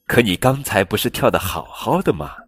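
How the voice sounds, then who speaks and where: Excitable storybook tiger, man putting it on, a bit higher and louder than his reading voice. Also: normal speed, slightly rough, no echo, faint music behind, full character voice. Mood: eager.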